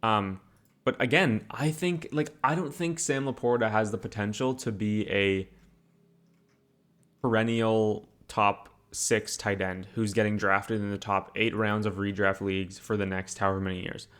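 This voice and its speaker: A man's voice: lowish voice, fairly even intonation, normal speed, a bit bright. A young man hosting a casual podcast, talking in an emphatic, opinionated way. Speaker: podcast host. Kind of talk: casual chat.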